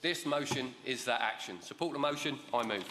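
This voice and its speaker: A man's voice: mid-range voice, brisk, pushed and bright. A man giving an emphatic, persuasive conference speech as a union delegate, with rhetorical lists and informal turns of phrase. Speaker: union delegate moving a motion. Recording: echoey conference hall, long reverb.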